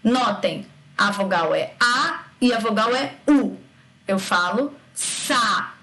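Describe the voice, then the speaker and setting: A woman teaching a recorded grammar lesson, lively, stretching syllables out to demonstrate sounds and checking in with her students often. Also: medium pitch, takes it slowly, slight background noise.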